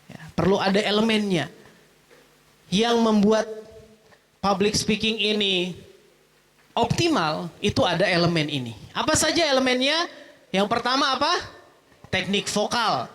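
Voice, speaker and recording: A man giving a lively public speaking workshop at a mosque event. He asks the audience questions, answers them himself, and tags many of his sentences with "gitu ya.". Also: high-pitched, unhurried, long pauses. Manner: animated, with frequent "gitu ya" tags.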